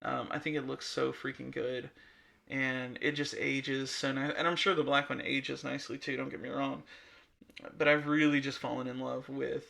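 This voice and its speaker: Young male podcast co-host, gravelly, bright tone, loose rambling chat. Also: mid-range voice, normal speed. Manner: rambling, relaxed, many fillers and restarts. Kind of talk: casual chat.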